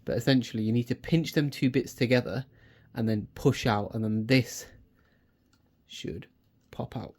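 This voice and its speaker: A man's voice: mid-range voice, moderate pace. A man with a nasal, congested voice, chatting casually through a how-to car vlog with lots of "obviously" and "um". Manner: chatty, relaxed, many fillers like "obviously". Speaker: car vlogger.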